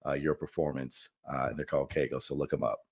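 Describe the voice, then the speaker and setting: A man with a deep, low voice chats casually on a health podcast. He rambles gently, leaning on fillers, in an easygoing, unhurried manner. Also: gravelly, slightly rough. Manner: relaxed, rambling with many fillers, laughs often. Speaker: doctor co-host.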